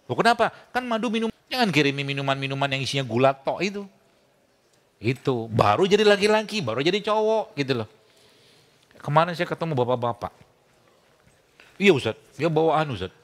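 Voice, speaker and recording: A man giving a lively, conversational sermon as a preacher and doctor. He jokes, laughs often and acts out the dialogue of his anecdotes. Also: a little high.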